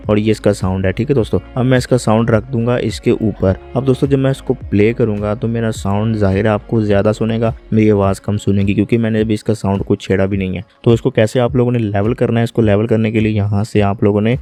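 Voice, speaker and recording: A man walks viewers through a software tutorial, calm and step by step, often calling them "friends". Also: lowish voice, quick pace, hardly any pauses, faint music behind. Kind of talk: screen-recorded software tutorial.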